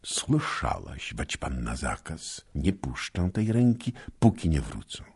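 A man voicing a small, mocking knight and master swordsman who turns tender, with a deep gravelly voice. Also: big pitch swings, slow pace, darkish tone, exaggerated voice. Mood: earnest.

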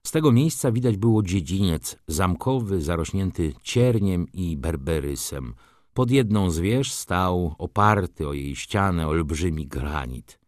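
Male audiobook narrator, very deep voice, expressive and lively in pitch, dry close recording. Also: measured pace, no echo. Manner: expressive literary reading. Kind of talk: scripted narration.

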